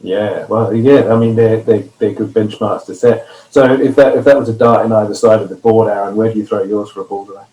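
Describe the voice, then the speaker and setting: A man moderating an online panel over a video call, chatty and quick to laugh and jump in. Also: lowish voice, steady tone, dark tone, rough recording. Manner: chatty, laughs easily, jumps in.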